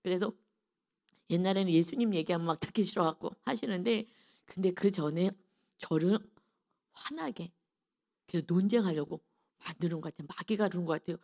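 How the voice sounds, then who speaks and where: A woman's voice: lowish voice, a little fast, vocal fry, pauses often, darkish tone, dull audio. A middle-aged woman telling an earnest, rambling family story as a testimony in a church service. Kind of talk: testimony in an early-morning sermon. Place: church sanctuary.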